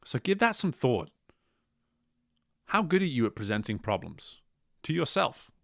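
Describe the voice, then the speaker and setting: A man speaking as a coach and host in a motivational monologue, deliberate and emphatic, repeating key phrases. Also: mid-range voice, big pitch swings, gravelly, dry recording, studio quality.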